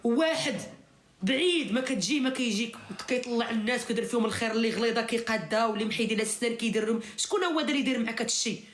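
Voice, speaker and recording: A woman's voice: a little high, rapid-fire. A woman with a Moroccan accent venting in heated informal live chat, insistently repeating her phrases for emphasis. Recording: roomy, echoing sound.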